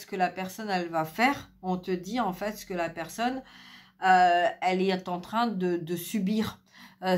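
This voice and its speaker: A middle-aged woman giving a spiritual card reading, hesitant with many fillers, speaking softly because she is losing her voice. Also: mid-range voice. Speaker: tarot card reader.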